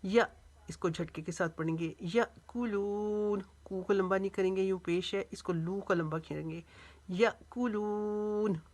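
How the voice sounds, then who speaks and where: Slow-reciting woman with a low voice. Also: fairly even intonation, darkish tone. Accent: Urdu. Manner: slow, drawn-out recitation of each word, then brisk explanation. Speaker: Quran recitation teacher. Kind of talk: step-by-step recitation lesson.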